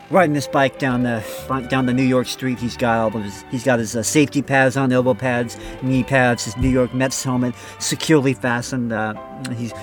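A man co-hosting a comedy podcast, rambling through a mocking, mock-dramatic bit in casual chat. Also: mid-range voice. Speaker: podcast co-host.

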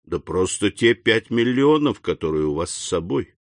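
A man's voice: animated, no echo, studio quality. A man doing a cool, phlegmatic bandit chief. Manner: low, unhurried, cool.

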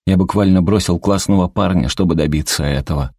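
A man voicing a weary, fond grandmother in a storybook reading, with a dry, wry manner and his own deep, husky voice. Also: brisk, a little mellow, dry recording. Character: weary kind grandmother in her fifties.

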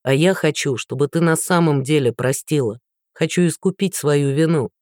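A woman's voice: deep voice, moderate pace, a little mellow, no echo, clean studio sound, natural voice. A woman voicing a remorseful young man who pleads earnestly and persistently. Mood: pleading.

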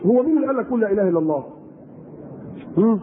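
A man with an Egyptian Arabic accent preaching an animated sermon, firing rhetorical questions at his audience. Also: sits high, very fast. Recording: tinny lo-fi recording with faint noise.

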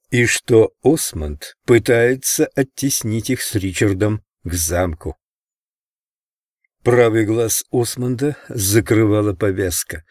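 Low-voiced man narrating an audiobook. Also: no echo, clean studio sound. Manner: measured, steady reading. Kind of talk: scripted narration.

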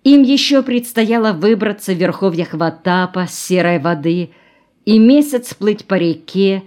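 A woman narrating an audiobook novel in a calm, even storytelling manner. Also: mid-range voice, a little slow.

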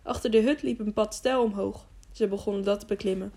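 A woman reads a storybook aloud in a calm, steady voice. Her pitch sits right in the middle of the range for women. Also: brisk. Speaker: audiobook narrator. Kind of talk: scripted narration.

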